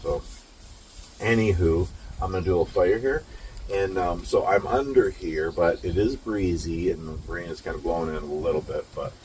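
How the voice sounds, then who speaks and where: Recorded on a phone, this man in his late fifties, a trucker, talks casually while sheltering from the rain outside. His deep, darkish voice moves at a normal speed as he rambles in a relaxed way, chuckling often, over low-quality sound with some hiss or hum.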